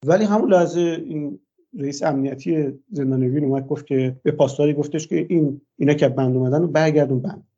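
An older man, a guest in a radio interview, gives a long, hesitant personal account, often pausing on "uh" fillers. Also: fairly high pitch, dark tone, breathy edge, lo-fi sound.

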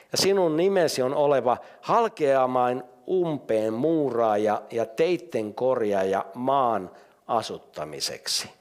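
An older man preaching a sermon, asking emphatic rhetorical questions and reading scripture aloud. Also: medium pitch.

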